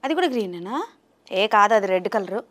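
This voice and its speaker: A woman's voice: medium pitch, expressive, normal speed. A woman interviewer in playful chat with a small child, asking teasing, coaxing, sing-song questions.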